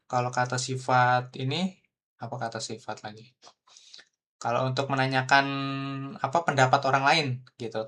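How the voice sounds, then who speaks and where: Relaxed male online language teacher. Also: mid-range voice. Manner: explains patiently, with frequent gitu ya fillers. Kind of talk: casual online lesson.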